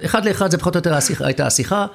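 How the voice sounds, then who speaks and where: A man's voice: high voice, gravelly. A middle-aged man with an Israeli accent talks in a conversational business interview, emphatic and repeating phrases for weight. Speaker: company country manager, interview guest.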